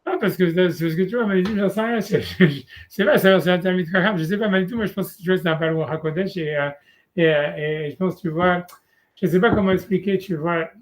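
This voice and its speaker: A man's voice: sits high, brisk. Casual, hesitant male rabbi teaching. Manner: casual, hesitant, many fillers and "tu vois"; mixes Hebrew terms into French. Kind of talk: informal one-on-one Torah lesson.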